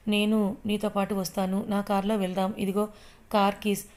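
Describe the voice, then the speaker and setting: A woman voicing a brisk, capable young woman. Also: medium pitch, little pitch movement, a little mellow, lightly acted.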